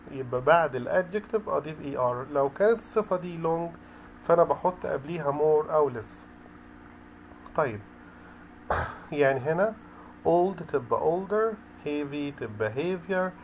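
Egyptian-accented male tutor, patient step-by-step grammar explainer, mid-pitched, slight room noise. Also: low-quality recording. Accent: Egyptian Arabic. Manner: explains step by step, mixing Arabic with English terms, many fillers. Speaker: English tutor. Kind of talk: grammar lesson explaining rules.

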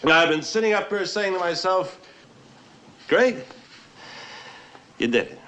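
An actor playing a tipsy, boisterous novelist who rambles and laughs, lonely under the bluster. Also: male voice, sits high, expressive, measured pace, pushed and bright, full character voice. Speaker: writer. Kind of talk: 1960s film acting. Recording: old film soundtrack, faint hiss.

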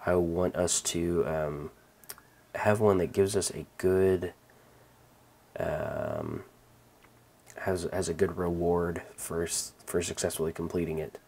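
A man hosting a let's-play, calmly talking through his moves with many ums and restarts. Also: low-pitched, slow, gravelly, pauses often, husky. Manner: relaxed, rambling, many fillers and restarts. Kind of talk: casual gameplay commentary.

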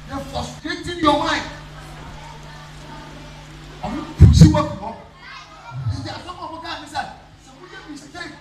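Young male preacher, Ghanaian English accent, very high voice, loud calls and low asides; distant, echoey church-hall recording. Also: measured pace, long pauses, slight background noise. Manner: moves about the stage, swings between loud calls and low asides. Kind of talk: sermon with call and response. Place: large church hall under a metal roof. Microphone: handheld microphone. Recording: echoey hall, far from the camera, music behind.

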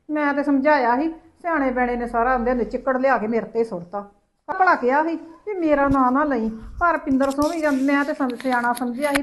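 A woman acting out a sharp-tongued older mother-in-law in a homemade family drama, her voice high and pointed as she grumbles and scolds. She keeps a constant running complaint going. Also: close to an everyday voice.

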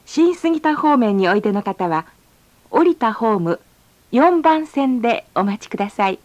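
A woman reading a polite, formal onboard train announcement, slowing down to stretch out each station name. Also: fairly high pitch, sing-song, a little mellow. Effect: recorded onboard train announcement. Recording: slightly dull lo-fi sound.

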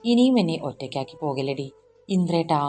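A woman's voice: deep voice, lively intonation, brisk, mellow, faint music behind. A woman voicing a tearful shy young wife. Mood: pleading.

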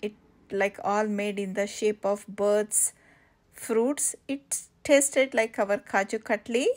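A woman narrating a casual travel vlog outdoors on coastal cliffs, halting with many fillers and restarts. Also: medium pitch, little pitch movement. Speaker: travel vlogger.

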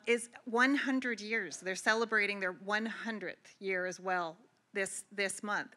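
Middle-aged canadian woman doing a keynote, bright clear voice, chatty, keeps restarting phrases. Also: medium pitch. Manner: earnest, conversational with frequent restarts. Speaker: keynote speaker. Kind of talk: conference keynote address. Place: large convention hall.

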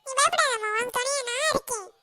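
A woman's voice: extremely high pitch, fast, bright, forceful tone. A woman voicing a boastful, jumpy young adult daughter in a cartoon, whiny and pleading one moment and full of big boasts the next. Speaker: cartoon character.

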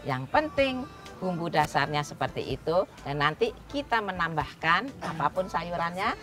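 Woman cooking-show host, outdoors, lapel mic, lively pitch, music playing behind. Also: moderate pace. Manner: chatty, instructive, keeps addressing the audience as "Bu". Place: outdoor street cooking stage.

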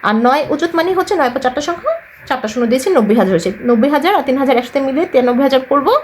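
Woman teacher with a high voice, patient step by step math class for kids, asks then answers, faint hiss behind. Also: expressive, very fast. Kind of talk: step-by-step math lesson for children.

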